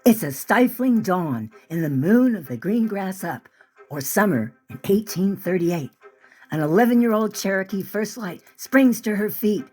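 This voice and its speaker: A woman author reading excerpts from her own novel in a vivid, expressive storytelling manner. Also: mid-range voice, measured pace, husky, soft background music. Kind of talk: dramatic audiobook-style reading.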